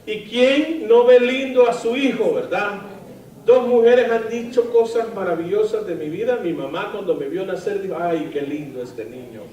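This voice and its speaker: A man preaching a sermon as pastor, lively, asking the congregation questions and adding light humor. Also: sits high, normal speed, lo-fi sound. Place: church sanctuary. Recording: roomy, from far off the mic.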